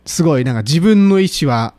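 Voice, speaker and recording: A man chats casually as a podcast co-host. His voice is a touch high, and its pitch swings widely. He rambles through his guesses and laughs often. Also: fairly quick. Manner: animated, laughing, speculative rambling. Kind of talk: casual chat.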